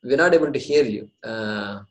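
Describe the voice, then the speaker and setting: A man hosts an online session over a video call, calmly walking a participant through muting and turning off video. He speaks at an average pitch for a man, in a plain, patient way. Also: normal speed. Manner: patient, giving instructions. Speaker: session host. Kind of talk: hosting an online orientation.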